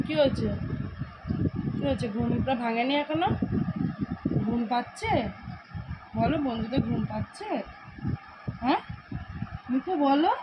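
Bengali mom vlogging at home, high voice, teasing her kid, lots of loud noise behind. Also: expressive, a little slow, long pauses. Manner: coaxing, teasing, talks to child and viewers. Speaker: vlogger, mother. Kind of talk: casual home vlog. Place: home, indoors.

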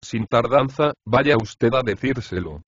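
A man reads a bossy, fussy wife who nags and gives orders. The voice sits at a middle pitch and is recorded close and dry. The sound is a little dull, as on a modest audiobook. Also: a little slow, slightly rough, dry recording. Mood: imperious. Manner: imperious and nagging.

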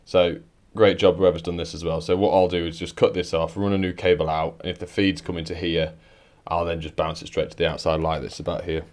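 A man with a deep, slightly mellow voice talks a little fast and evenly, hardly pausing. He's an electrician rewiring a house, narrating a casual work vlog indoors in a chatty, dry way as he works, and now and then he's out of breath.

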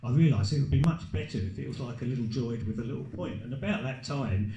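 A man's voice: medium pitch, fast talker, a little hiss or hum. A man on a live event panel, telling stories about making a game, with many stammering restarts. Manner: stammering restarts, animated storytelling. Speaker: game developer guest. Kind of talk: panel interview recollection. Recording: echoey event hall, live stream.

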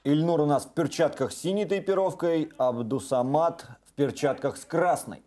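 A man's voice: a little high, moderate pace, warm tone. A man presenting and commentating live on mixed martial arts bouts. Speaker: sports commentator.

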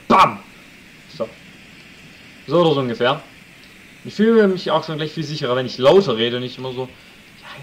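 While playing a survival game, a let's play commentator chats with viewers, jokes around and shouts at wolves. His voice is mid-range, and the poor audio has a little hiss or hum.

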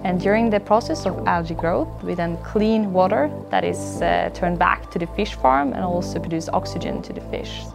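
In a documentary interview recorded on a lapel mic in an indoor lab, a woman who founded and runs her company as CEO earnestly explains its work. Her voice sits on the low side with vocal fry, moving at normal speed with hardly any pauses and frequent "uh" fillers. A music bed plays under her voice.

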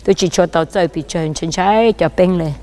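Emphatic male pastor preaching outdoors. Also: fast. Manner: emphatic preaching, voice often jumping higher and louder. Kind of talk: sermon. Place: outdoors by a riverside.

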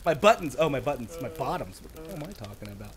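A male game streamer who chats live in an excitable, flustered way, with frequent laughter and sudden outbursts. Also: a little high, racing, a crowd in the background.

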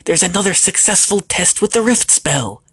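A man doing a high gravelly goblin messenger. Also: big pitch swings, moderate pace, a bit bright, full character voice. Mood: urgent. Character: small warty male goblin messenger, eager.

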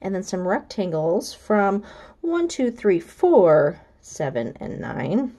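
Warm, very animated, and slow-paced, this medium-pitched American woman teaches a quilting block step by step. She keeps it casual, friendly, and enthusiastic, chatting and pointing out features as she goes.

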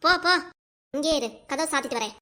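A woman's voice: high voice, fairly quick, heavy background noise, close to an everyday voice. A woman voicing a scheming, bossy young wife in a cartoon comedy, with a southern Tamil Nadu accent and a scornful, taunting manner. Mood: angry. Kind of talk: cartoon comedy sketch acting.

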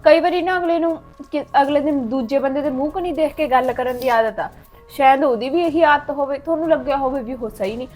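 A trusting young village woman with a Punjabi accent, played by a woman, earnest and coaxing. Her voice is high, and faint music plays underneath. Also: quick pace, darkish tone, natural voice.

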